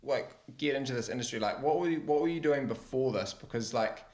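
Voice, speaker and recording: A man's voice: medium pitch, brisk, a little mellow. A man interviewing in an informal, chatty way with loosely phrased questions. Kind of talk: casual chat. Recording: roomy echo.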